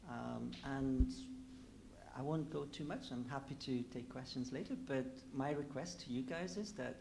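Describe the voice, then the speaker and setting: A man's voice: medium pitch, normal speed, creaky, noisy background. A man in his forties, born in Afghanistan, a panel guest speaking reflectively with many fillers. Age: 40s. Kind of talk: panel discussion.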